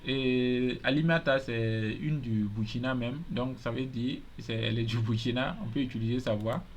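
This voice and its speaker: Male tutorial host, mid-pitch, relaxed step-by-step talk, faint background hiss. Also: normal speed. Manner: casual step-by-step explaining, repeats himself. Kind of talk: screen-recorded software tutorial.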